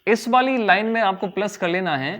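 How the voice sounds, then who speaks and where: A man's voice: sits high, expressive, a bit bright. A young male teacher with an Indian English accent explains grammar step by step, asking his class questions and answering them himself. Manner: drawls English phrases slowly for emphasis. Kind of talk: classroom lesson in Hindi mixed with English.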